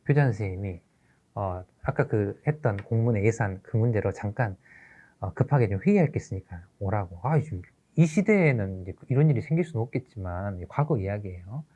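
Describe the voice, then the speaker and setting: A middle-aged man, a teacher trainer, telling a classroom story in an animated lecture. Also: on the low side, fairly quick, dull audio. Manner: animated storytelling, acts out characters.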